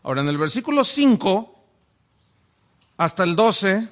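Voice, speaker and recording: A man's voice: high voice, big pitch swings, a little slow, fairly bright tone. A pastor giving a sermon-style Bible lesson, often asking his listeners rhetorical questions. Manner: asks the audience frequent rhetorical questions. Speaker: pastor teaching Bible study. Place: church classroom with a whiteboard.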